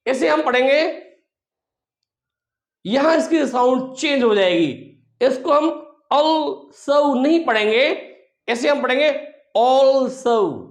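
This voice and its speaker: Slow, high-voiced male teacher drilling sounds. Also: animated, roomy sound. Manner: asks rhetorical questions and repeats sounds slowly as drills. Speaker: English teacher. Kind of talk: classroom pronunciation lesson.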